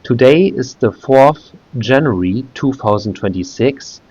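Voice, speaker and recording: With frequent "uh"s and restarts, a German man in his thirties walks through a website in English for a casual screen recording he's making as a video creator. His mid-range, slightly rough voice has lively intonation, a measured pace and a darkish tone, muffled but without echo.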